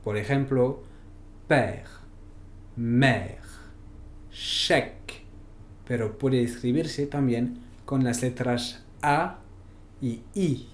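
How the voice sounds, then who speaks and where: A man's voice: mid-range voice, takes it slowly, darkish tone, a little hiss or hum. A man with a French accent teaching a pronunciation lesson, spelling out letters one at a time and modeling each sound. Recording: roomy echo.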